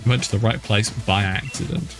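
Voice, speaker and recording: Over background game music, a British man streams a let's-play, his lowish voice steady and brisk. His commentary is casual, sprinkled with wry grumbles.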